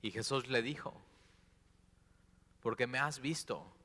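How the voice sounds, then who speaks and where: A male pastor preaching a sermon, swinging from hushed prayerful lines to loud exclamations. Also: medium pitch, slow. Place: church sanctuary. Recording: church hall with long reverb.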